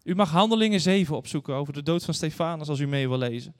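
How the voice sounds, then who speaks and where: Fairly high-pitched, expressive and quick, a man in his thirties or forties preaches as a guest, reading scripture and telling stories earnestly straight to the congregation. The church hall gives the recording a long reverb.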